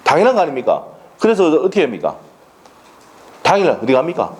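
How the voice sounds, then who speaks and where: Lively Gyeongsang-accented male lecturer. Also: on the high side, quick pace, a little hiss or hum. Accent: Gyeongsang Korean. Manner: peppers talk with rhetorical questions and checks; blunt, colloquial banter. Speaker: law lecturer. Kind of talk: classroom lecture.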